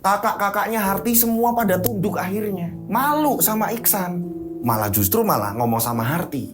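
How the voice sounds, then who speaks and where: A man's voice: high-pitched, lively intonation, fairly quick. A man hosting, telling a true-life story in a chatty, casual way with frequent tag questions. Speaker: storyteller host. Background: background music.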